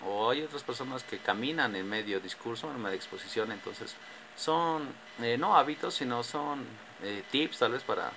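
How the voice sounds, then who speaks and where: A man's voice: mid-range voice, expressive, moderate pace, a little hiss or hum, rough recording. A man giving a class presentation on public speaking, speaking hesitantly with frequent fillers and restarts. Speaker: student presenter.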